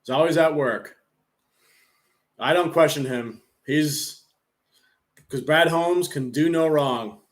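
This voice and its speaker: A man live streaming a football game, rambling casually with lots of "like" fillers and relaxed play-by-play. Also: a little high, slow pace, long pauses. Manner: rambling, heavy use of "like" fillers.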